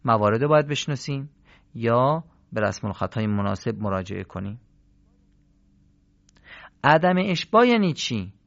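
Male recitation teacher, didactic question-and-answer delivery, lo-fi lesson recording. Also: medium pitch. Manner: didactic, poses questions and answers them, stretches example words. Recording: slightly dull lo-fi recording.

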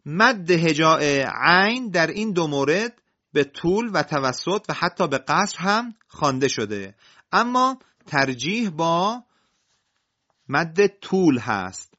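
A man's voice: fairly high pitch, big pitch swings, bright, forceful tone, dull audio. A man teaching Quran recitation rules, going through numbered points one by one in a careful explanatory lecture. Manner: methodical, enumerating points one by one.

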